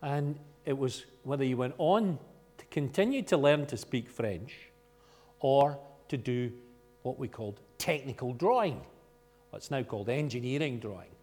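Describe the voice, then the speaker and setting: Loud Scottish man telling a story. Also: mid-range voice, lively intonation, normal speed. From Scotland. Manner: loud, chatty and self-deprecating. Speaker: guest speaker at a church gathering. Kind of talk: informal storytelling sermon.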